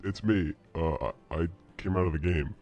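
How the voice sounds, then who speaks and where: A man voicing a laid-back old gray man from a video game, with a deep, demonic, pitched-down voice and slow, hesitant talk. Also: a little mellow, soft background music. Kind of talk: casual gaming chat in character.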